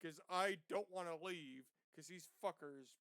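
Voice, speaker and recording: A young man playing a tabletop game with friends. He is brash and swears freely. His voice sits high, recorded dry and close. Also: a little slow, a bit bright, clean tone, dry recording. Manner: brash and profane. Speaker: player. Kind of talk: casual tabletop game chat.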